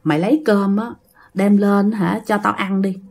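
A woman's voice: medium pitch, steady tone, normal speed, darkish tone, natural voice. Woman voicing a stubborn hungry ghost of a young man. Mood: pleading.

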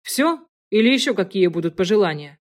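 A woman voicing a man who teases his friend in an audiobook, pitched high and loud. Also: fairly quick, lightly acted. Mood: ironic. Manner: teasing, animated. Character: teasing, excited male friend.

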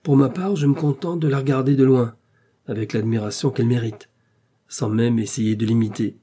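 A man's voice: mid-range voice, steady tone, moderate pace, mellow, lightly acted. A man reading aloud, voicing a mocking, courtly man of society in an audiobook. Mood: ironic. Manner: ironic, courtly.

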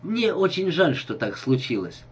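A suave seducer speaks with false sympathy, as a male reader plays him. The voice is husky, and the intonation moves a lot. Audiobook character reading. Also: a little high, very animated, normal speed, pitched above the performer's own voice. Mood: nervous. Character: smooth-talking seducer man, nervous underneath.

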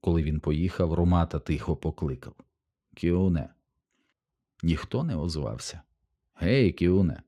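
A man narrating an audiobook in a calm, measured reading. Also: low voice. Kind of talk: scripted narration.

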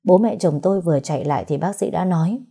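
Người đọc nữ, giọng thấp, khàn hơi thở, kể chuyện tâm tình chậm rãi. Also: female voice, lowish voice, fast, creaky, dark tone, slightly rough. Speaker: storyteller. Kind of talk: first-person story narration.

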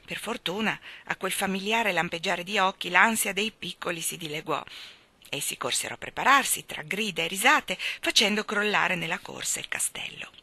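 A woman reading a children's story aloud in an expressive way, often dropping to soft, hushed tones. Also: on the low side, normal speed, dry recording. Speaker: reader. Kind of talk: audiobook storytelling.

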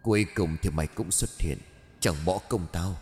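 A man voicing a furious male ghost turned demon, growling through clenched teeth in a low, panting voice. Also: normal speed, a little mellow, long reverb tail, faint music behind, close to an everyday voice. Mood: bitter, vengeful.

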